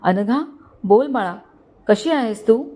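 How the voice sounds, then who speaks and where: A woman voicing an affectionate older mother-in-law in a storybook, gentle and sorrowful. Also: on the high side, expressive, slow pace. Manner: affectionate, warm-hearted. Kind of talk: storybook dialogue.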